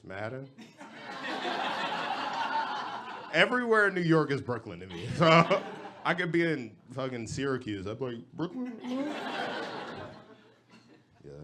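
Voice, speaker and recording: A young man from Los Angeles performing a stand-up comedy set on a club stage, talking in a casual, slangy, deadpan way. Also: mid-range voice, very noisy.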